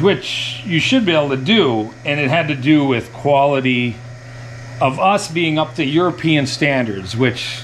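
Standing indoors in a small tiled milk room beside a steel tank, a dairy farmer in his thirties explains in a relaxed, folksy, plain-spoken style. His mid-range voice is a bit bright. The recording is rough, with a little hiss or hum.

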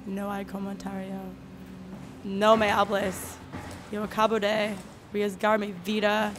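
A woman doing horror game commentary who talks in a nervous, frightened, halting way. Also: mid-range voice, completely flat delivery, noisy background. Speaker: let's player.

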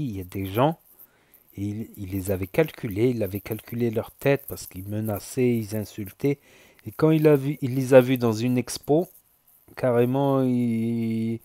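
A man with a southern French accent, a YouTuber talking casually to his viewers in a halting way, often repeating himself and using fillers. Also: medium pitch, mellow, no echo, clean studio sound. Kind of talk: casual spoken commentary.

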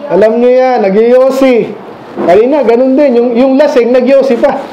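In a small church mission hall, a pastor with a very high-pitched, warm voice gives an informal Sunday evening sermon at a moderate pace, chatting conversationally and quizzing the children of his congregation. The lo-fi room recording is echoey and dull, with a little hiss or hum.

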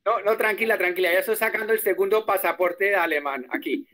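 High-voiced man teaching a class. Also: fairly bright tone. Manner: explains patiently and repeats words slowly for practice. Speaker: German teacher. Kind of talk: online group lesson.

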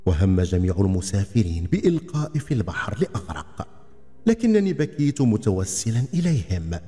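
A man narrating a folk tale in a dramatic, expressive scripted storytelling style. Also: lowish voice, brisk. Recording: long reverb, faint background music.

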